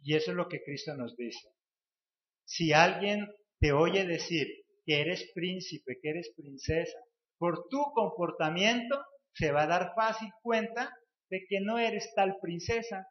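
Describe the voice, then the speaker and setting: A man delivers a sermon in a fairly high voice, pressing his listeners with question after question and repeating key phrases. The sound is roomy and echoey, caught on a muffled, lo-fi recording in a church. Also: measured pace. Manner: asks the congregation rhetorical questions, repeats phrases for emphasis. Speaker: preacher.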